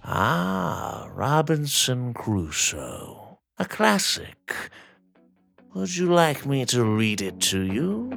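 A man's voice: mid-range voice, very animated, extremely slow, gravelly, fairly bright tone, dry recording, faint music behind, pitched above the performer's own voice, exaggerated voice. A man putting on a smug, sinister old doctor. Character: sinister scarred older male doctor, smug.

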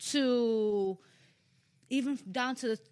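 Speaking slowly in a high, slightly mellow voice with no room sound, a young woman guests on a podcast for a casual chat. She's a spiritual speaker who rambles, leans heavily on "you know" and "like", and tosses in jokey asides.

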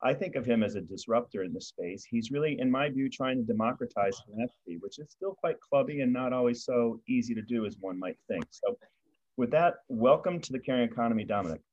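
A man hosting an interview podcast, introducing his guest and asking questions in a friendly, measured way. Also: mid-range voice, lively intonation, a little mellow, dull audio. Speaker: podcast host.

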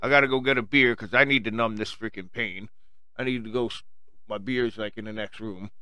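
This solo podcast host, a man with a strong Long Island, New York accent, rambles casually to listeners, blunt, profane and slangy. His lowish voice is steady, brisk, bright and forceful, and it sounds smooth with no echo.

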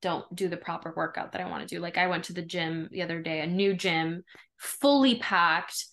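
A woman with a voice a little lower than average chats casually as a podcast co-host. Her talk is informal and loose, with swearing and plenty of "like". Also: normal speed, fairly bright tone. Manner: informal, profane, frequent "like".

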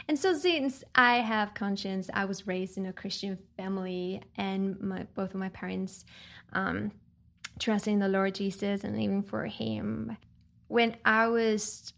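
A woman from Chile sharing her faith testimony as a podcast guest, earnest and reflective, pausing often with ums. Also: medium pitch, gravelly.

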